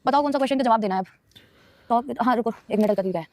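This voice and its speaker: Her voice is a little high and darkish, captured in a dry recording. During a casual live stream, the young woman rapidly and defensively responds to viewer questions, clearly emotional as she speaks right to them.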